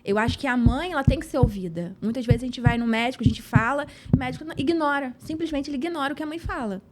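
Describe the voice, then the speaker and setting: Woman with a slightly high voice, an earnest, emotional podcast guest recounting her story. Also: fast talker, very noisy. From São Gonçalo, Rio de Janeiro state, Brazil. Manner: acts out dialogue, earnest and emotional. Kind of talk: personal storytelling.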